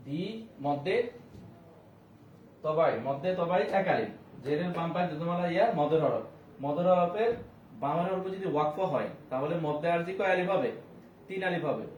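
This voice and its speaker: A man teaching Quran reading, spelling out each word letter by letter and slowly chanting the verses. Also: fairly high pitch, darkish tone. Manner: slow, repetitive drilling with melodic recited verses. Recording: roomy, dull distant sound with faint hiss.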